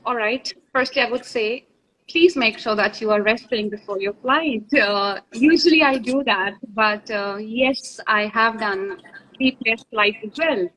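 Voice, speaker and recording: A woman's voice: a little high, a little slow, a bit bright, poor audio. A woman, an aviation trainer chatting as a guest on a live stream, often laughing as she tells stories. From India. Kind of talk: casual live-stream chat.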